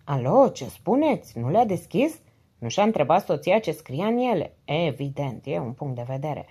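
A woman's voice: low voice, sing-song, mellow, slightly rough, heavily acted. A woman reading the lines of a stern middle-aged male police commissioner in an audiobook, curt and businesslike on the phone. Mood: brisk.

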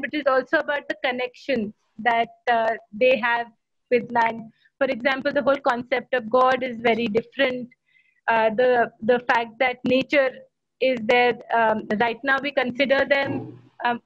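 An Indian woman in her thirties speaks in a fairly high voice, with many pauses, fillers and restarts. The audio comes through a laptop on a video call. It sounds dry and muffled. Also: a bit bright, dry recording. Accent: Indian English. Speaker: panelist. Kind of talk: online panel discussion. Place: home room. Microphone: laptop webcam on a video call.

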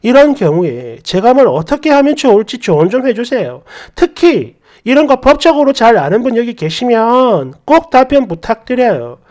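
A woman narrating a reader's story in a lively, indignant storytelling manner. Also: fairly high pitch, normal speed, few pauses.

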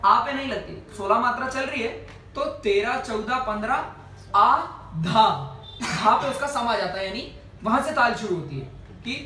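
A man's voice: extremely high pitch, expressive, moderate pace, pushed and bright, slight background noise. A man teaching a singing class, explaining patiently, checking with his students and breaking into song to demonstrate. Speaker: music teacher. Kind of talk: music lesson with sung examples. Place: indoor music class. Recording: roomy, distant mic, music behind.

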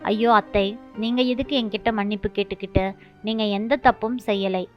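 A kind young widow, voiced by a woman storyteller, soothing and earnest, steady in her promises. Muffled lo-fi sound with faint music. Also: mid-range voice, normal speed, natural voice. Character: gentle devoted young widow.

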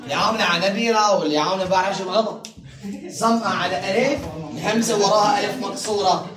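Woman teacher, mid-pitched, drills patterns slowly, recorded from far off in a roomy class with pupils audible. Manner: drills word patterns slowly and repeats them; chatty, laughs with students. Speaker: Arabic teacher. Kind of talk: classroom lesson. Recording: roomy classroom sound from a distant mic, crowd behind.

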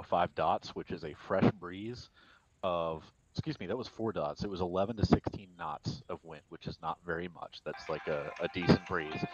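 A man leading a military sim game unit, calmly passing notes to his players over a radio with clicks and static bursts, repeating key points. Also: low voice, highs cut off. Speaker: milsim unit leader giving notes.

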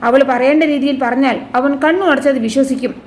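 Cold scheming villain lady, a woman reading her lines, high voice, menacing, serial retelling. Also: steady tone, fast, a little mellow, a little hiss or hum. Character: scheming ruthless middle-aged woman villain.

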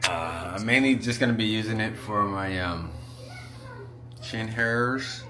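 Low-voiced laid-back man vlogging. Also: unhurried. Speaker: vlogger and father. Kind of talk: casual vlog chat. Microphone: phone at arm's length. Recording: noisy handheld outdoor phone recording.

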